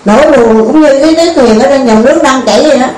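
A woman's voice: sits high, quick pace, a little mellow. A woman telling a folk tale in a homely, conversational way, in a roomy, distant recording. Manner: homely and conversational, with frequent restarts. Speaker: storyteller and teacher. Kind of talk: casual spoken teaching with a folk tale.

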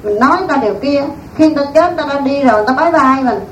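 A woman's voice: sits high, very fast. A woman, a Buddhist nun giving a dharma talk in a folksy, storytelling way. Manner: folksy, animated storytelling with laughs. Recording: echoey room, distant mic, faint noise.

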